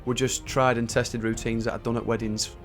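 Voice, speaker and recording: A man's voice: mid-range voice, little pitch movement, brisk, fairly bright tone. An English man narrating his own career story in a candid, colloquial, self-deprecating way. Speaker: stand-up comedian and former magician. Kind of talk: conversational video narration about own career. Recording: music playing behind the voice. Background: background music.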